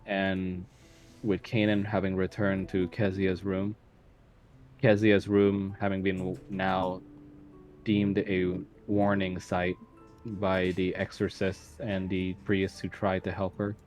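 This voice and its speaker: A man narrating a tabletop role-playing game as game master, describing scenes at an unhurried pace with some fillers. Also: low-pitched, completely flat delivery, a little mellow, faint music behind.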